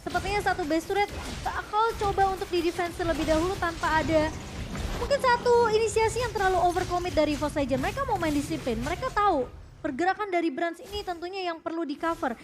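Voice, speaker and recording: A woman's voice: extremely high pitch, quick pace. An Indonesian woman giving live esports analysis in a colloquial, emphatic style. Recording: music behind the commentary.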